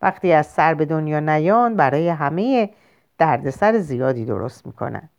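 A woman voicing a calm male country doctor and father in a storybook reading, patient and matter-of-fact as he explains. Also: sits low. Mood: explaining. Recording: lo-fi muffled recording.

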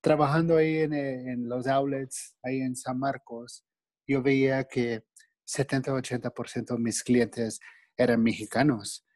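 A man's voice: medium pitch, fairly even intonation, unhurried, a little mellow, dry recording. A man from Texas speaking Spanish with English words mixed in, as a guest in a casual interview, tagging many sentences with "no?". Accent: Texan Spanish with English words. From Texas, United States. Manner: friendly, mixes English words, asks 'no?' often.

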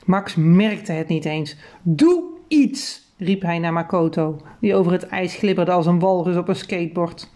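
A woman reading children's books aloud as an audiobook reader, telling the story clearly and evenly with lively emphasis. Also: on the low side, normal speed, hardly any pauses.

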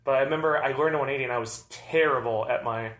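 A man's voice: mid-range voice, fast, a bit bright. A man in his thirties from Arizona, co-hosting a casual chat and telling loose, rambling stories about riding. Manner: rambling storyteller, loose and laid-back. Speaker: podcast co-host, BMX rider. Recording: echoey room.

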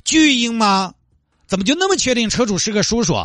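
A man's voice: high-pitched, wildly swooping pitch, fast talker, pushed and bright, no room sound, studio quality, soft background music, pitched above the performer's own voice, full character voice. A man voicing an indignant young male car owner, scolding and exasperated.

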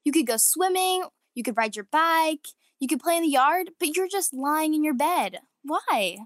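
A woman voicing a gentle mother coaxing her daughter out of bed in a storybook reading. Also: high voice, animated, moderate pace, dry recording, clean studio sound, pitched above the performer's own voice. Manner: pleading, encouraging.

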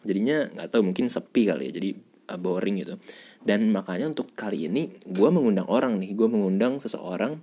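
A young man hosts a casual podcast with chatty, slangy talk and frequent laughter. His voice sits fairly low. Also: expressive, a little fast, dark tone, slightly rough. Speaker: podcast host.

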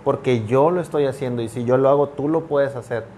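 A man's voice: mid-range voice, warm tone, slight background noise. A man talking earnestly in a reflective conversation, often restarting his sentences as he searches for words. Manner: earnest, halting with frequent restarts.

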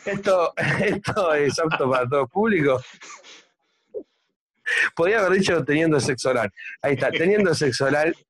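Animated Argentine man with a lively voice. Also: on the high side, moderate pace, long pauses, slightly rough, no echo. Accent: Argentine Spanish. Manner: animated, acts out joke characters with shouting and asides. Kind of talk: casual crude joke-telling chat.

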